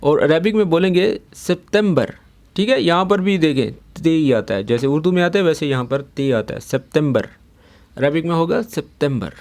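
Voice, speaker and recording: A man's voice: on the high side, normal speed, a little mellow. A young man, teaching a casual language lesson and patiently repeating each word several times. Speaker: Arabic teacher.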